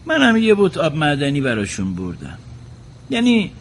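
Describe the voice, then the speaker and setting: An actor plays a polite but defensive inn worker with a fairly high, lively voice. A faint noise sits behind the recording. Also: male voice. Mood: explaining. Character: defensive male inn worker accused of theft.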